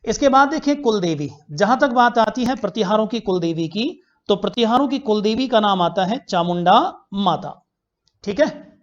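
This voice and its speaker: A man's voice: high-pitched, expressive, normal speed. Guy teaching an online history class, asks stuff then answers it himself, repeats the key bits, kinda muffled lo-fi audio. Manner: asks quiz questions and answers them himself; repeats key facts for students to remember. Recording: dull lo-fi recording.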